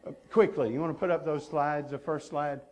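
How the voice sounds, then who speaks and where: A male pastor delivers a sermon in an earnest, emphatic manner, driving his points home with repeated phrases. His voice sits a little higher than most men's. He speaks from a church stage mic. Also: steady tone, brisk, background noise. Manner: earnest preaching with emphatic repetition.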